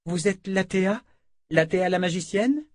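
A woman's voice: medium pitch, a little slow, no echo, pitched above the performer's own voice, close to an everyday voice. A man reading aloud, voicing a frightened young woman who pleads urgently for help in an audiobook. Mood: hopeful. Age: young adult.

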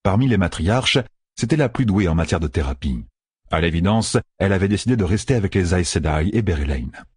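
A man reading an audiobook in steady, even scripted narration. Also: low-pitched, brisk, husky, no echo, clean studio sound.

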